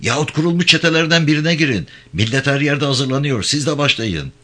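A man playing an urgent, hushed young gendarme. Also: on the high side, lively intonation, fairly quick, voice pushed up. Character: secretly rebellious male gendarme, urgent and earnest.

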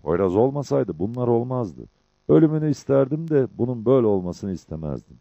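A man's voice: medium pitch, very animated, a little fast, gravelly, mellow, no room sound, pitched above the performer's own voice. A man voicing a bitter, grieving young male outlaw who speaks earnestly, in a dull lo-fi recording. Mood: lamenting. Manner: earnest, lamenting.

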